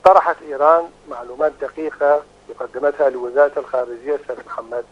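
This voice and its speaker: A man talking as the expert guest over a phone line, giving measured, emphatic analysis with frequent hesitations. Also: medium pitch, fairly even intonation.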